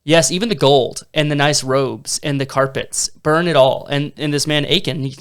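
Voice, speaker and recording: A man's voice: fairly high pitch, fairly even intonation, moderate pace, fairly bright tone, clear, resonant tone. A young man in his twenties co-hosting a casual Bible discussion podcast, telling the story eagerly with some fillers. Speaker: podcast co-host.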